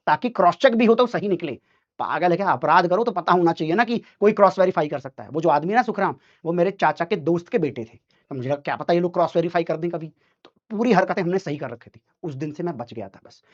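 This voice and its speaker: A man tells his students a story about his school days. He tells it with a lot of drama and slips into voices for the people in the story. The recording sounds a little dull and lo-fi. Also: sits high. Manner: animated, dramatic storytelling with acted quotes. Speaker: teacher.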